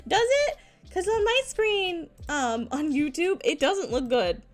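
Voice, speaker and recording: Cute, high-pitched giggly woman streamer. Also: a little slow. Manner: giggly, frequently breaking into laughter; expressive, playfully dramatic. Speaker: VTuber live streamer. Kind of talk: casual chat stream.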